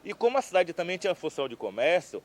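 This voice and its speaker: A man explains his subject in a deliberate, lecturing manner, now slowing down and now speeding up. His voice is a little high for a man. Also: sing-song. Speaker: expert interviewee. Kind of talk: explanatory interview.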